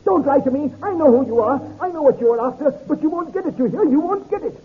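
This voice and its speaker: Male actor as a cowering stranger: high, shrill, hysterical, on an old radio recording. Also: expressive, fast, phone-quality sound. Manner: shrill, panicked pleading. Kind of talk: 1930s radio acting.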